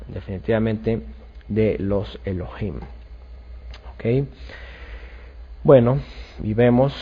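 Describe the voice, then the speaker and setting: A man's voice: on the low side, highs cut off. A man giving a bible study lecture, explaining step by step and often checking with "ok?" amid hesitant fillers. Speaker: bible teacher.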